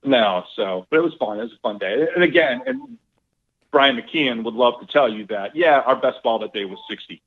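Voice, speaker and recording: A middle-aged man, a golf club owner, telling a lively casual story and acting out quoted dialogue, with some swearing. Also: medium pitch, normal speed, breathy edge. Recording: tinny phone-like line.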